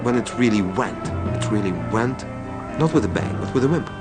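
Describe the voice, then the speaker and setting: Animated man recalling. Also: medium pitch, a little fast, loud music behind the voice. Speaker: interviewee, former reporter. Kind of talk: interview recollection.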